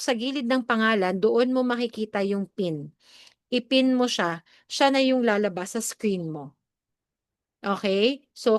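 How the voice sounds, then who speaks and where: Animated Filipino woman coaching over video call. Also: on the high side, no room sound, studio quality. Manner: chatty, Taglish, coaching tone with frequent "okay?" and "no?"; animated, expressive. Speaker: online mentor and trainer. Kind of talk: online training session over video call.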